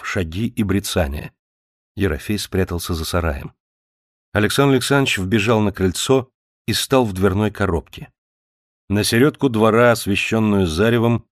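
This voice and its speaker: Male narrator, low voice, measured read, dry close mic. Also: dry recording. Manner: measured, even storytelling. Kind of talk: audiobook narration.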